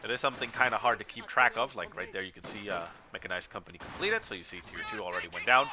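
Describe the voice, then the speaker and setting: A man with a fairly low, nasal voice, clearly congested from a stuffy nose, commentates on a strategy game match at a quick, animated pace. His delivery is casual and explanatory, with game battle sounds and music playing behind him.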